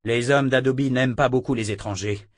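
A man's voice: medium pitch, fairly quick, no echo, clean studio sound, natural voice. A man voicing a blunt, defiant young swordsman in a storybook reading, curt and guarded.

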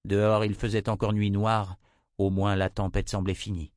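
A man narrates a fantasy audiobook in a steady, measured reading. His voice sits fairly low. The recording is dry and close. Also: dry recording. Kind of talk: scripted narration.

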